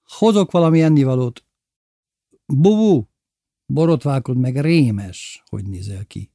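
Guy putting on a mocking sing-song village woman, pitched up, a bit gravelly. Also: expressive, mellow, no room sound, clean studio sound. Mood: scolding.

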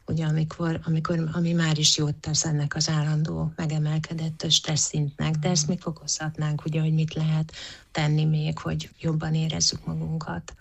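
A woman's voice: low-pitched, completely flat delivery, creaky. A woman answering interview questions as a psychologist, thoughtful, with frequent hesitations and restarts. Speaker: psychologist guest.

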